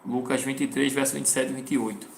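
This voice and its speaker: A man's voice: mid-range voice, fairly even intonation, fast, creaky, reverberant, a little hiss or hum. A man teaching from the Bible, reading verses aloud and then explaining them plainly. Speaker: preacher.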